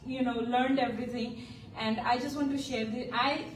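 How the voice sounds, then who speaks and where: A woman cutting in with heartfelt, halting praise for a colleague. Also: on the high side, fairly even intonation, slight background noise. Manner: heartfelt and halting, with many restarts. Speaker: business mentor praising a colleague. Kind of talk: unscripted remarks to a group. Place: indoor meetup room. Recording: echoey room, mic at a distance.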